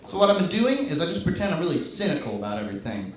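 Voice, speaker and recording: A man in his twenties performing a stand-up set in a comedy club, with a deadpan, self-mocking delivery that breaks into shouted bursts. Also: on the high side, rapid-fire, slight background noise. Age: 20s. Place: comedy club with a laughing audience. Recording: echoey club with crowd laughter.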